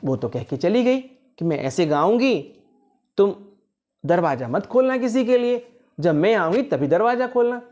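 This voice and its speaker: A man telling a fable to children in an animated way, often asking the listeners questions. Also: sits high, normal speed. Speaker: motivational speaker. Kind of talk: storytelling for children.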